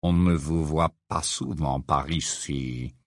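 A man voicing a gloomy, sallow wizard with a sepulchral, slow voice. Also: a bass voice, no room sound, clean studio sound, voice pushed down, full character voice. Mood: cold.

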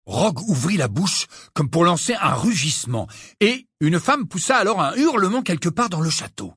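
A man narrating an audiobook with expressive storytelling. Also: sits high, normal speed, breathy edge, no echo, clean studio sound. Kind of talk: scripted narration.

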